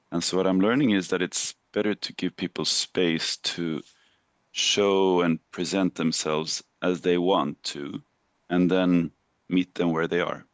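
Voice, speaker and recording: Brief: very low-voiced man on a video call, measured and reflective, dry close sound. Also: dry recording. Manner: thoughtful, measured sharing. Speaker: participant. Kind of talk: online group discussion.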